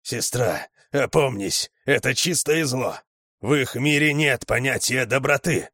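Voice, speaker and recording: A man voicing a panicky male dog in a storybook who shouts in alarm. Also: mid-range voice, animated, unhurried, husky, dry recording, studio quality, pitched above the performer's own voice, full character voice. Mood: pleading. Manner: frantic, shouting.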